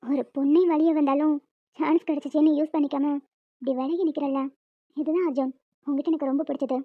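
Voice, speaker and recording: A woman's voice: high-pitched, steady tone, fast, no room sound, close to an everyday voice. Bashful flustered young woman, voiced by a woman. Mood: tender. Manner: stammering and bashful. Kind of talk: audio drama acting. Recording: dry, dull lo-fi mic.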